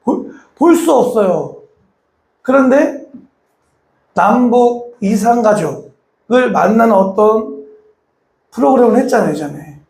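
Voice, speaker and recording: High-voiced male pastor preaching. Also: animated, slow pace, vocal fry, pauses often, a little mellow, roomy sound. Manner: asks the congregation rhetorical questions, acts out quoted voices. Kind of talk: sermon.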